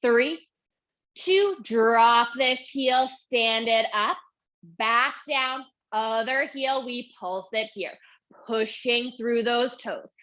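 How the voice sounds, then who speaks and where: Young female Pilates instructor, winded mid-workout, unhurried cueing, slightly high, lo-fi recording. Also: fairly bright tone. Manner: counts reps and cues moves while exercising. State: out of breath. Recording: dull lo-fi audio.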